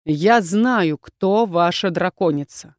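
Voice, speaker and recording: A woman's voice: lowish voice, takes it slowly, no echo. Woman narrator as a cocky, sneering inquisitor lord for an audiobook, insolent and pushy, dry sound. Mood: mocking. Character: arrogant mocking male inquisitor lord.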